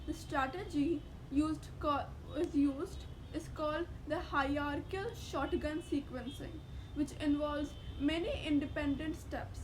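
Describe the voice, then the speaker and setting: A woman's voice: high-pitched, noisy background. A woman reading a formal case-study presentation aloud from a teleprompter, carefully, like a student presenter.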